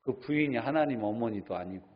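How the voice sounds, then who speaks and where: A man's voice: mid-range voice, expressive, a little fast, breathy edge. A male pastor preaching a sermon and putting questions to his congregation. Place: church sanctuary. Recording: dull lo-fi church recording.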